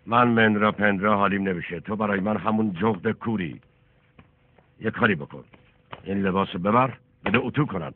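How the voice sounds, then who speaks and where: An actor dubbing a bossy middle-aged guest who barks orders at servants. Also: male voice, fairly low pitch, lightly acted. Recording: tinny phone-like film dub with faint music.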